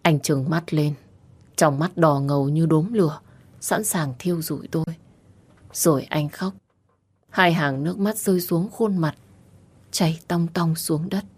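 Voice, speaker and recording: Low-voiced woman reading a story. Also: measured pace, long pauses, slightly rough. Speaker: story narrator. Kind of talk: scripted first-person audiobook narration.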